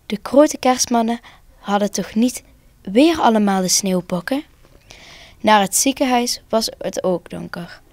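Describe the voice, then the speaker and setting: A woman narrating a children's Christmas story for broadcast, calm and expressive. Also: mid-range voice, unhurried, no echo.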